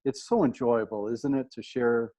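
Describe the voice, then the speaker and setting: A man's voice: medium pitch, steady tone, normal speed, dark tone, low-quality recording. An American man hosting a podcast interview over a video call, talking effusively with many restarts. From United States. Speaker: podcast host.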